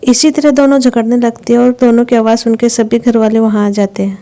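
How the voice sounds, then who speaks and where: A woman narrates an animated story in a scripted, even way. Her voice is somewhat high but warm and mellow. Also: fairly quick.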